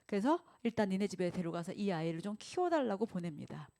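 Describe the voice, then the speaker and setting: A woman's voice: medium pitch, fast. A woman pastor preaching a Sunday sermon, putting rhetorical questions to the congregation and acting out quoted speech. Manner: acts out quoted speech in lively voices.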